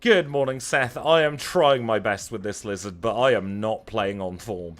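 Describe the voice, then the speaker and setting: Streaming a video game with faint music behind him, this Lancashire man from northern England keeps up a wry, self-deprecating casual chat in his local accent. He speaks at a normal speed with a fairly low pitch.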